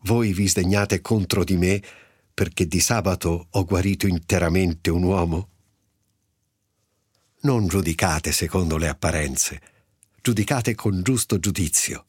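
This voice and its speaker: Jesus as a calm, commanding teacher, voiced by a man reading aloud. The voice sits low and a little husky, delivered in a measured, solemn cadence. Dry sound with no room around it. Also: no room sound.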